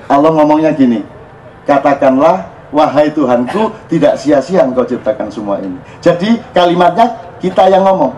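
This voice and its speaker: Guy preaching to a crowd, jokey, bit high voice, acts stuff out, faint noise behind. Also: poor audio. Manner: lively, joking, switches into Javanese phrases, acts out exclamations. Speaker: religious speaker at a public gathering. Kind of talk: informal religious talk to a crowd. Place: open-air public gathering.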